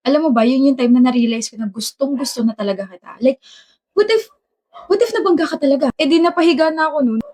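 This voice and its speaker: A bantering sweetheart, quick to tease and bicker, as a woman plays the part. Her voice sits a little high. The lines come as scripted skit dialogue. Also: dark tone, natural voice. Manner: teasing, bickering back-and-forth. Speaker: skit actor.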